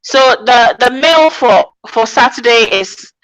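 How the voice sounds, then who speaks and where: A woman hosting a call-in radio chat over a phone line that keeps breaking up. She talks haltingly, repeating her words as she checks whether she can be heard. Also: fairly high pitch, lively intonation. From Ghana. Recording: dull, patchy phone line.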